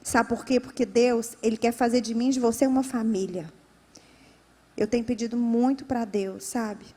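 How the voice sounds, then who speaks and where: Brazilian woman pastor preaching, high voice. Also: fairly even intonation, moderate pace, mellow, big-room sound. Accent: Brazilian Portuguese. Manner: emphatic, repetitive preaching with rising emphasis. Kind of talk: sermon. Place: church.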